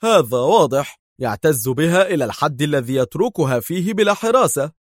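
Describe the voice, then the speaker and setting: A man's voice: sits high, lively intonation, fairly quick, no echo, studio quality, pitched above the performer's own voice. A man voicing a stern, angry male police officer who speaks harshly and gives commands. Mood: sharp.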